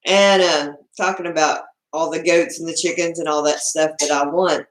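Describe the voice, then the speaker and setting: Low-pitched and steady, a woman's voice with a Southern US accent moves at a moderate pace as she greets viewers on her home livestream. Her chat is casual, folksy and informal. The recording, made on a laptop, has the echo of an indoor room at home.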